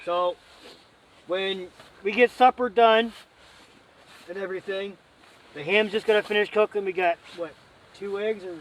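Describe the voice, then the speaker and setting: A man's voice: high-pitched, fairly even intonation, measured pace, long pauses, distant mic, a little hiss or hum, rough recording. A man hosting a camping vlog, chatting casually to camera and a friend in a rambling, joking, folksy way.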